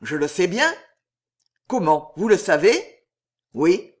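A man's voice: high voice, very animated, takes it slowly, heavily acted. A man voicing a wealthy, mysterious count in a storybook reading, commanding and fervent. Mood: eager. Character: wealthy, mysterious male count, intense and generous.

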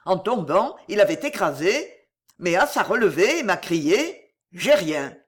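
Reader doing a rough country gamekeeper guy, plain talk, voice swings up and down, audiobook. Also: high-pitched, big pitch swings, measured pace, fairly bright tone, exaggerated voice. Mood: urgent. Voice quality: rural working-class speech. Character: rustic male gamekeeper, shaken and blunt. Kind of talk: audiobook character reading.

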